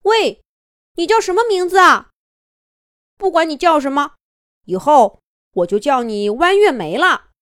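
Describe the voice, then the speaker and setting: An eager, good-natured wolf king from a children's storybook, voiced by a woman, who bursts out in high, lively and loud lines. His voice leaps up and down as he chatters warmly to a new friend. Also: unhurried, long pauses, dry recording, clean studio sound. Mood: excited. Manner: excited, warm and loud.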